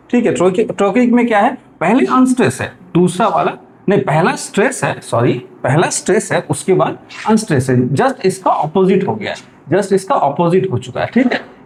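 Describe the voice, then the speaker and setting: A man's voice: sits high, sing-song, normal speed, a little mellow, a little hiss or hum. A man teaching English literature in an explanatory lecture, often stopping to check in with the class and correcting himself as he goes. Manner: self-correcting, repeats "ठीक है" often.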